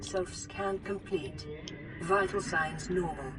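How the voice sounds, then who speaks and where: A voice actor voicing a calm, soothing onboard care computer in a game, giving even, clinical announcements through a synthetic filter. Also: mid-range voice, slow. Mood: calm, reassuring. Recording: distant game voice under loud music.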